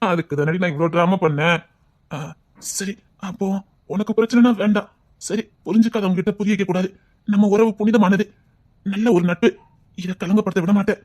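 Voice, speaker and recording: A man with a Tirunelveli Tamil accent, playing a scheming young man who talks softly and wheedles. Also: high voice, moderate pace, pauses often, lightly acted. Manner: soft wheedling voice that turns mocking. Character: scheming young man, fake-tearful, later cold and harsh. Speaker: actor in a skit. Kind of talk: melodramatic skit acting.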